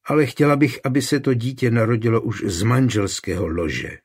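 A man's voice: mid-range voice, husky. A man voicing an anxious, devout young village woman who pleads in a raised, fretful voice. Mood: hopeful.

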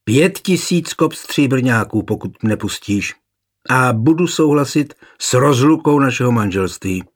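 A man's voice: medium pitch, lively intonation, close to an everyday voice. A man reading an audiobook voices a defiant, scheming young noblewoman held captive, spitting insults at her husband.

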